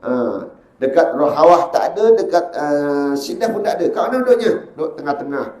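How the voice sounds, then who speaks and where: A man with a Malaysian Malay accent, a religious teacher giving a Quran recitation lesson. He chants drawn-out verses as examples, then explains them briskly. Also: a little high, lively intonation, a little mellow. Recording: echoey room.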